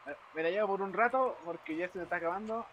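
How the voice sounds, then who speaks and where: A man's voice: sits high, fast, fairly bright tone, highs cut off, slight background noise. A young man with a Chilean accent joking around while playing a game with friends. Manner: joking, mock-serious. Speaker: gaming friend. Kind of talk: casual gaming banter.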